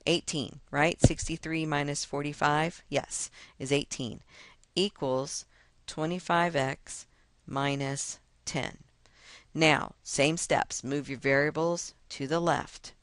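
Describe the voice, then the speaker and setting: A woman's voice: low voice, steady tone, slow pace, fairly bright tone, dry recording. A woman math teacher talking through a lesson step by step in a chatty, self-mocking way. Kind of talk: casual screen-recorded lesson walkthrough.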